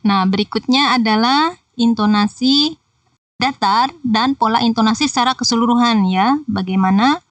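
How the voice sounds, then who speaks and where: A woman's voice: on the high side, moderate pace, no echo, far from the mic. A woman teaching Japanese in a patient, explanatory tutorial voice-over that talks straight to viewers. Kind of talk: screen-recorded tutorial explanation.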